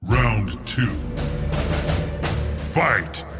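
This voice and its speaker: A man's voice: mid-range voice, animated, extremely slow. A man playing a commanding, dramatic fighting-game announcer with emphatic delivery, in an arcade style. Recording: loud music over the voice.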